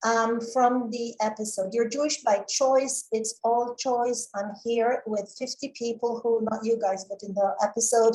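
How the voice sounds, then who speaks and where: Woman from Israel, moderator, measured, fairly high voice, echoey room. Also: a little mellow. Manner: measured, reads questions aloud. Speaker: panel moderator. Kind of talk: moderating a panel discussion. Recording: roomy echo.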